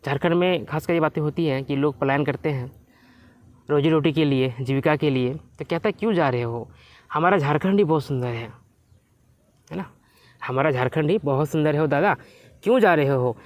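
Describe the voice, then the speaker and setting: A man teaching an exam-prep lesson, reading lyric lines slowly and then explaining them in plain words. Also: on the high side, no echo.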